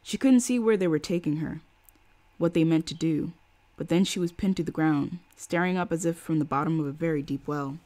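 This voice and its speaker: A woman's voice: low voice, warm tone. A woman reading a novel aloud on a live stream, voicing the quoted lines with feeling and stopping now and then to greet her chat. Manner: reads with acted quotes, pausing for chat.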